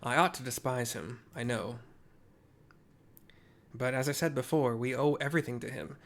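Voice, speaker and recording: Man voicing a remorseful champion fighter, measured and earnest, mid-pitched, game read-aloud. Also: lightly acted. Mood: grave. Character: remorseful male champion wrestler, grave. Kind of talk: reading game dialogue aloud.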